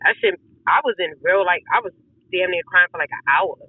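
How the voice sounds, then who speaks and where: A woman's voice: lowish voice, lively intonation, a little fast, slightly rough. A woman guest on a podcast, telling a personal story in a blunt, profane way, full of street slang. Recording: tinny phone-like audio, dry.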